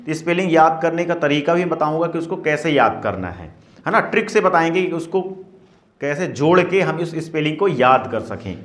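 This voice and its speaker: A man's voice: on the high side, big pitch swings, moderate pace, fairly bright tone. A male English teacher giving a classroom spelling lesson, asking questions and answering them himself while drilling words syllable by syllable.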